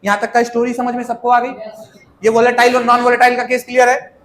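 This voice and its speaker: A man teaches chemistry in a lively, playful way, constantly quizzing his students. His voice sits very high, and the room around him rings with echo. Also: quick pace. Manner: chatty, asks students questions, playful. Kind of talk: lively classroom lecture with everyday examples.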